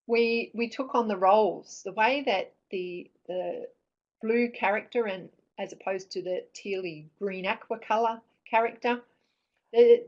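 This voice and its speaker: A middle-aged woman giving an informal explanatory presentation in a hesitant, thoughtful way, with frequent pauses and restarts. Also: medium pitch. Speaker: presenter on parents reading with children. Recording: dull, lo-fi sound.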